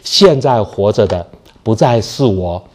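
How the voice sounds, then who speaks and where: A man preaching a sermon. He poses rhetorical questions and answers them himself, slows down to stress key phrases, and starts many sentences with the same habitual filler word. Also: on the low side, lively intonation, darkish tone. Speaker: pastor.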